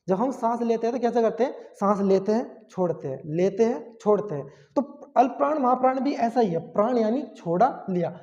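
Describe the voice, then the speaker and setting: A man's voice: very high voice, mellow. A man teaching a grammar lesson, explaining step by step and asking and answering his own questions. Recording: dull sound with long hall reverb.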